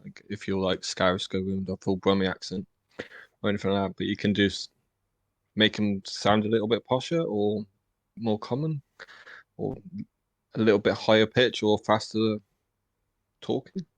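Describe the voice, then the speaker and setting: A laid-back man chatting on a podcast about playing tabletop games. His low voice stays flat and even, with fillers throughout, recorded dry and close. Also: normal speed, pauses often, no echo. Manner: laid-back, laughs often, frequent fillers. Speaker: podcast guest and player. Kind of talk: casual podcast chat.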